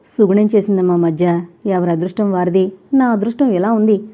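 A woman's voice: mid-range voice, steady tone, fairly quick, natural voice. A woman voicing a weary, resigned young mother. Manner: soft, detached.

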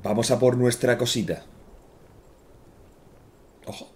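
A man's voice: mid-range voice, steady tone, slow pace. A man in his thirties with a Castilian Spanish accent giving casual, jokey gameplay commentary in an informal, chatty way. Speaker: gaming streamer. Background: game music.

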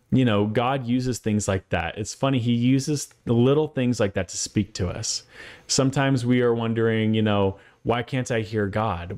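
A man's voice: fairly low pitch, darkish tone. A man telling a personal faith story to his viewers in an earnest, conversational way, sometimes acting out his own reactions. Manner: earnest, conversational, with acted asides.

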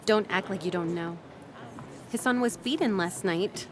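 A woman voices a taunting office coworker. Her voice is mid-pitched and mocking, with clear noise behind it. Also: slow pace, close to an everyday voice.

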